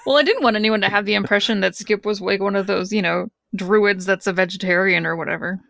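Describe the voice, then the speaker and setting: A woman's voice: mid-range voice, fairly even intonation, fast, creaky, a bit bright, dry recording, clean studio sound. A woman playing in a tabletop game podcast, speaking matter-of-factly in casual chat.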